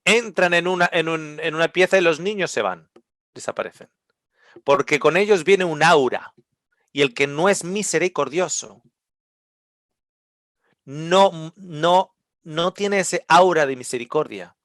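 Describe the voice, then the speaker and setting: A man preaching a sermon with passion, moving between loud outbursts and hushed, quiet lines. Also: a little high, animated, measured pace, long pauses, no room sound.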